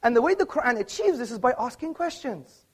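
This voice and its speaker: A man's voice: very high-pitched, very animated, a little fast, breathy edge. A man giving an argumentative opening speech in a formal debate, speaking on stage in an auditorium before a live audience. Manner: emphatic, argumentative, quoting books.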